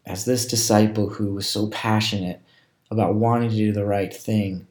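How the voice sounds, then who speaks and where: A man leading a guided scripture meditation, reading a passage and then asking reflective, gentle questions. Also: on the low side, little pitch movement, moderate pace. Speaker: prayer leader. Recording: roomy echo.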